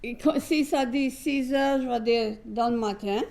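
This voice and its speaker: Older female guest, Cajun French accent, creaky voice, unhurried and chatty. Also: fairly high pitch. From south Louisiana, United States. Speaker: guest, singer. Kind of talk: casual reminiscing.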